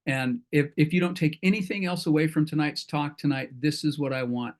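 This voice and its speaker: A man's voice: a little high, a little fast. A middle-aged man hosting an online entrepreneur meetup in a folksy, rambling way, often correcting himself. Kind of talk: casual talk to an online group.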